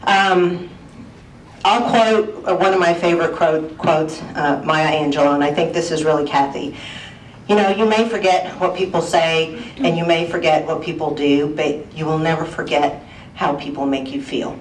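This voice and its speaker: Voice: mid-range voice, moderate pace. A head of HR giving an earnest, emotional tribute at a colleague's retirement party. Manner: earnest and emotional, holding back tears. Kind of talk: heartfelt farewell speech. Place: large indoor room at an office party. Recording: echoey room recorded from far off, faint noise.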